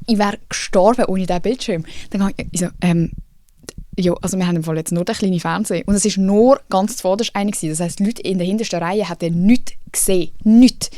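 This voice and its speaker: A young woman with a Swiss German accent tells a story on her podcast in a lively, casual way. She swears freely and slips English phrases into her talk. The sound is close and dry, with her pitch sitting at a middle level. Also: no room sound. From Switzerland. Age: young adult. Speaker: podcast host.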